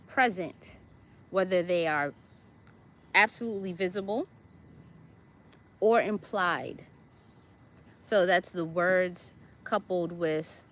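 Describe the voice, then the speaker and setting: Slow, bright-voiced Jamaican woman teaching. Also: lowish voice. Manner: deliberate, checks in with listeners with "okay?" and "right?". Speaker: host. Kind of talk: spiritual self-help talk.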